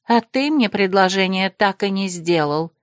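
A woman's voice: medium pitch, animated, unhurried, dry recording, clean studio sound, lightly acted. A woman voicing a haughty, catty young aristocratic woman in an audiobook, drawling and reproachful.

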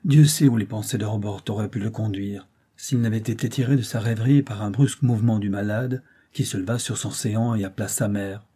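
A man narrating a classic novel in a measured, literary reading style. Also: fairly low pitch, dark tone, husky. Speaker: audiobook narrator.

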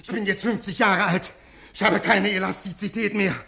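A man's voice: high voice, steady tone, moderate pace, creaky, full character voice. An actor playing a desperate fifty-year-old man pleading with an official, in classic radio drama style. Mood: bitter. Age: 50s. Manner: pleading, swinging from quiet to raised.

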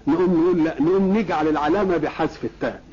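A man with an Egyptian Arabic accent delivers a Quran commentary lecture in a fairly high voice. He teaches by asking his listeners questions and answering them himself, driving points home through repetition. The recording is dull and lo-fi, like an old tape. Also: rapid-fire, a little mellow. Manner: teacherly, repeats key words for emphasis. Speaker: religious scholar.

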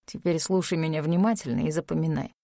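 A woman reading an audiobook voices a cold, sneering male criminal who mutters low threats. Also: fast talker, creaky, warm tone, no echo, clean studio sound. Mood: menacing.

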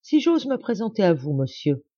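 A woman voicing a resolute young man who speaks firmly and gravely. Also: on the low side, expressive, normal speed, dark tone, dry recording, highs cut off. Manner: firm and grave.

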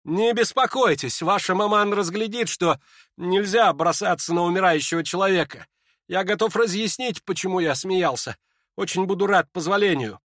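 A man reading an audiobook and voicing a dying young man who speaks quietly and hoarsely, short of breath, calm and ironic. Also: high-pitched, moderate pace, no echo, studio quality, pitched above the performer's own voice. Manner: quiet, hoarse, near-whispering.

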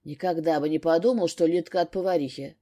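A woman voicing a young husband who speaks hushed and pleading in an audiobook. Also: low voice, fairly even intonation, fairly quick, voice pushed down.

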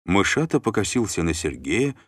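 Deep-voiced man reading an audiobook. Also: normal speed, no echo, studio quality. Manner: expressive reading. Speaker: audiobook narrator. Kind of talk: scripted narration.

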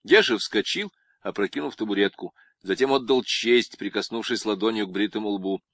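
A man narrating an audiobook in a lively, expressive reading. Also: lowish voice, normal speed, no room sound.

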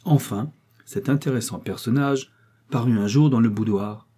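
A male narrator reads a classic novel aloud in a measured, expressive audiobook style. His voice is mellow and warm, with a husky grain. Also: medium pitch. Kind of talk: scripted narration.

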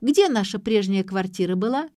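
A woman's voice: mid-range voice, lively intonation, dark tone, no room sound, studio quality, close to an everyday voice. Woman doing a sarcastic young daughter, raised voice. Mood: brisk. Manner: brisk, sarcastic, pushy. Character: sharp-tongued young adult daughter.

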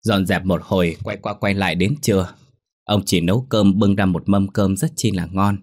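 A young man calmly narrating a first-person ghost story. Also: deep voice, normal speed.

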